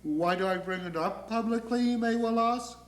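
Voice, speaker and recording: In an echoey room, an actor with a high-sitting voice performs a theatrical comic monologue at a normal pace, playing a neurotic, negative character. His light acting comes across wry, disdainful and confiding.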